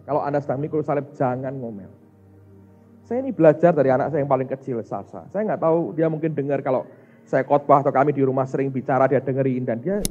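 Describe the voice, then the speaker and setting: A man's voice: fairly high pitch, slightly rough. A man preaching as a pastor, telling stories animatedly and speaking directly to the congregation. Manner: animated storytelling, addresses the congregation as "saudara". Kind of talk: sermon. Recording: dull recording with faint music.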